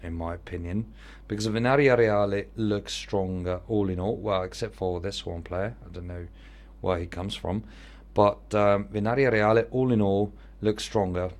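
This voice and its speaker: A man's voice: fairly low pitch, steady tone, normal speed, hardly any pauses. A man with an Italian accent giving casual commentary on an online football manager game, thinking aloud as he weighs his choices.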